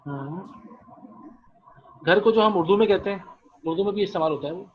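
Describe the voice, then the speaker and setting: A man's voice: high-pitched, phone-quality sound, a little hiss or hum. A male Arabic teacher giving an online class. He repeats phrases patiently and calls on students by name.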